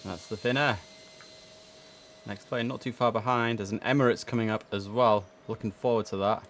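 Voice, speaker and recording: Speaking at a normal speed with a lowish, fairly flat intonation, the man keeps streaming his game. Casual asides to himself alternate with crisp air traffic control calls, over a clear layer of background noise.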